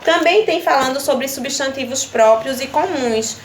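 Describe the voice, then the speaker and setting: A woman's voice: sits high, a little slow, slight background noise. A young woman teaching primary pupils in a recorded video lesson, with a Brazilian Portuguese accent, patiently checking in with "tá certo?" after every point. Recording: echoey room with faint ambience.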